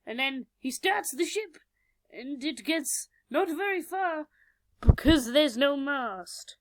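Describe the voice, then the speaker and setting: A woman casually narrating her animated tabletop game story, rambling and self-mocking, on a cheap home mic. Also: sits high, slow pace, no echo. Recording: background music under the voice.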